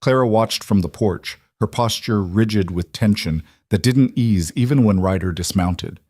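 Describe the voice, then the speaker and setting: A man reading a western story aloud in a measured, even way. His voice sits on the low side, and the recording is dry and close with no room sound. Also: dry recording. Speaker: narrator. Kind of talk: scripted audiobook narration.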